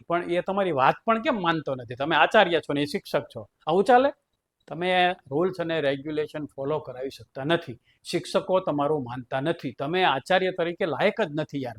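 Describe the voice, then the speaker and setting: A man's voice: a little high, fairly even intonation, brisk, close to an everyday voice. A man playing a strict male school trustee who scolds in a stern way.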